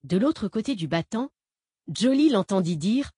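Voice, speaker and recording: A woman narrating an audiobook in an even, measured reading voice. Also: mid-range voice, slightly rough, no echo, clean studio sound.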